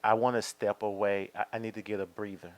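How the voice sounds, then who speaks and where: A man's voice: on the low side, little pitch movement, fairly quick, no echo. A man co-hosting a casual podcast, asking probing questions and affirming often. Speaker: co-host.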